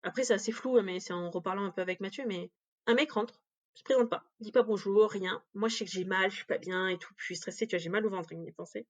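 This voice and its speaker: A woman's voice: mid-range voice, quick pace. A woman giving a candid personal account in an interview, speaking directly and with emotion. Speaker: interview guest.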